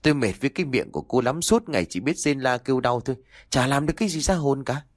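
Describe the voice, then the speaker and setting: In this spoken audio story, a man performs a nasty, scolding old mother-in-law whose pitch leaps about as she tears into someone. She talks fast and animatedly, close to an everyday voice, recorded dry and close with no room sound.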